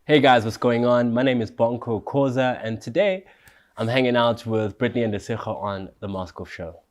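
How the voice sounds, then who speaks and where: A man's voice: medium pitch, fairly even intonation, normal speed. A man chatting as a podcast guest, laid-back and slangy, laughing easily. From South Africa. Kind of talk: casual chat.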